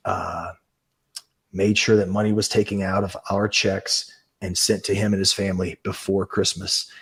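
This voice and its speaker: A man's voice: lowish voice, slightly rough. A man in his thirties, a guest on a podcast, telling a story in an earnest, emotional way and swearing freely. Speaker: professional wrestler, guest.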